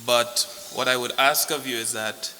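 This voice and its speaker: A man gives a podium speech as a guest lecturer in a deliberate manner. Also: mid-range voice, fairly even intonation, sharp tone. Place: large echoing room at a book launch. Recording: echoey hall, noisy hiss.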